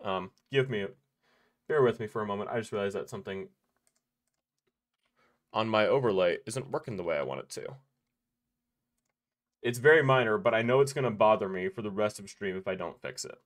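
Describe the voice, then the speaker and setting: A man's voice: fairly low pitch, lively intonation, brisk, pauses often. A man streaming a game live, chatting in a laid-back, rambling way with many fillers and restarts. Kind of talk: casual live-stream chat while playing.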